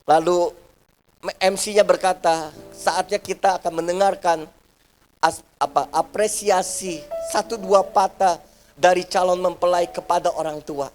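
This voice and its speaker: High-voiced preacher, soft music behind. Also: male voice, fairly even intonation, unhurried. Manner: addresses the congregation as "saudara" often, acts out quoted family voices. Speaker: pastor. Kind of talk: sermon. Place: church service.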